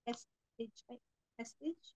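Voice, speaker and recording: A woman student on a video call, reading slowly and hesitantly in a faint, quiet voice. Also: dry recording. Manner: hesitant, unsure, speaks faintly.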